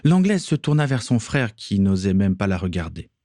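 A man reading a story aloud, narrating in an even, measured way. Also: lowish voice, no room sound, studio quality.

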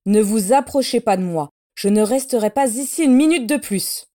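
A woman's voice: fairly high pitch, lively intonation, measured pace, warm tone. Woman voicing a proud, tense young witch. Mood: furious. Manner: tense, pleading, then roaring in anger. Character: refined young witch, proud but frightened.

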